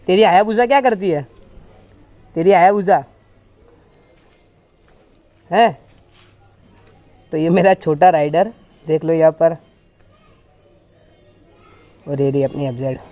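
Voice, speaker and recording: A man's voice: on the high side, measured pace, long pauses, muffled recording. A young man narrating a casual motorbike vlog, chatting to his viewers as he rides along outdoor roads. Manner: chatty, addresses viewers as guys. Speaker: vlogger. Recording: loud road and traffic noise.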